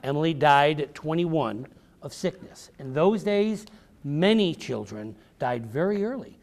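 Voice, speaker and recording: At a public library event, an American author entertains a young audience with an upbeat, dramatic story told in short, punchy phrases. He speaks a little high and a little slow, animated, with a somewhat dark tone.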